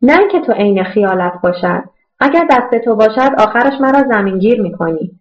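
A woman's voice: fairly high pitch, expressive, close to an everyday voice. A grumbling, self-pitying older husband, as a woman narrator acts him out, curt and complaining in an audiobook. The tone is raised and the recording sounds dull and muffled.

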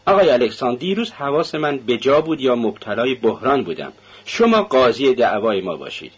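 A man's voice: mid-range voice, sing-song, breathy edge. A man voicing a feverish, suspicious young man under questioning, talking tensely and bitterly, brooding half to himself. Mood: provocative. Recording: dull lo-fi radio recording.

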